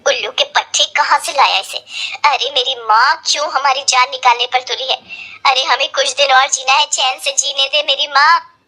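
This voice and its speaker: A woman voicing an exasperated middle-aged mother-in-law in a cartoon story, loud, scolding and dramatic. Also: sits high, fairly even intonation, moderate pace, soft background music. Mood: despairing.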